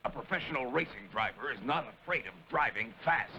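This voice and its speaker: Gruff cartoon father, gravelly and lively, lecturing sternly; dull old dub audio with music. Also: medium pitch, fairly quick, a little hiss or hum. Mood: firm. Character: gruff middle-aged father and car builder.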